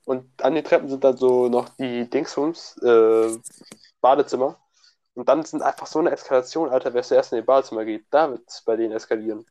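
A man's voice: medium pitch, fairly quick, mellow. A young man, a student, in casual chat, slangy and laughing often, with many restarts. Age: young adult.

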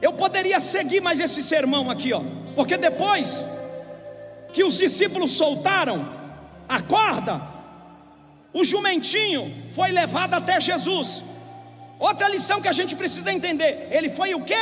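A man preaching a revival sermon, shouting impassioned altar calls in a large church. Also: very high-pitched, lively intonation, normal speed, pauses often. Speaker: pastor. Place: large church with galleries, live congregation. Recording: live church recording with long reverb and music.

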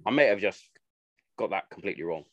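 A man's voice: low voice, animated, fast talker, dull audio, heavy background noise. A man hosting a podcast, chatting informally in a blunt, sweary way. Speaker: podcast host. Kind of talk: casual chat.

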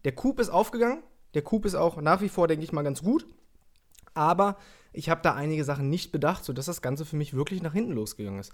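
A young man hosting a casual talk show, telling stories in a relaxed way with blunt, crude jokes. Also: fairly high pitch, quick pace. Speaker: podcast host and YouTuber. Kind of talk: casual chat.

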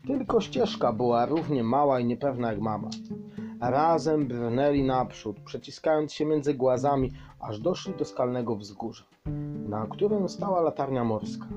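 A man reading a children's story aloud in a calm, measured way. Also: mid-range voice, dull audio. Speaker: audiobook narrator.

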